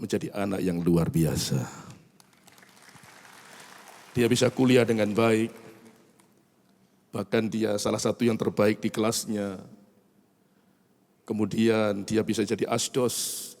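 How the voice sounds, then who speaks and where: A man's voice: lowish voice, darkish tone. A middle-aged man, a pastor telling a story in his sermon and addressing the congregation directly. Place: large church. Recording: long church reverb.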